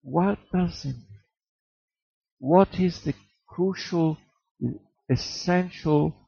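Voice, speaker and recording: A man's voice: fairly high pitch, vocal fry, husky, dry recording. A man preaching a sermon, rhetorical and emphatic, repeating words and chuckling at his own jokes. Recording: dull, slightly muffled dry recording.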